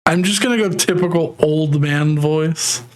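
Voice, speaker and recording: A man running a tabletop game as game master, casual and halting, laughing often. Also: on the high side.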